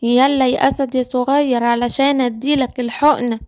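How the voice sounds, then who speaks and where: A brisk, insistent male doctor in a children's cartoon, speaking Egyptian Arabic, as a woman puts him on. The voice is pushed down from her own and runs quick and businesslike, though it still sits fairly high. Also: little pitch movement, very noisy, lightly acted.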